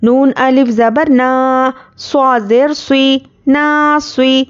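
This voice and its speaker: Recitation teacher, female, high clear smooth voice, very slow drawn-out syllable drills, slightly muffled recording. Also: level tone. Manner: spells out letters and vowel marks, then blends them slowly; explains quickly in a conversational teaching tone.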